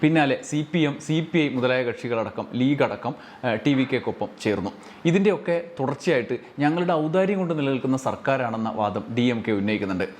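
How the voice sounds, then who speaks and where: A man narrating a news report in a measured, explanatory way. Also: medium pitch, animated, slight background noise.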